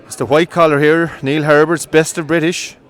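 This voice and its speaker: A man giving live commentary on greyhound coursing from an outdoor field, brisk and rising with excitement during the runs. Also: on the high side. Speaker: race commentator.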